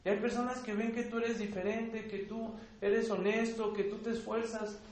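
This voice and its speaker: A man with a Mexican accent preaching a sermon in a church hall, earnest and growing loud when he reads scripture. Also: high voice, flat delivery, moderate pace. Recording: very echoey hall, faint background noise.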